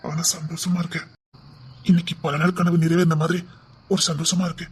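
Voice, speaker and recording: A woman's voice: fairly low pitch, flat delivery, a little fast, a little hiss or hum, lightly acted. A woman voicing a doting young husband, tender and teasing, with a Tirunelveli Tamil accent.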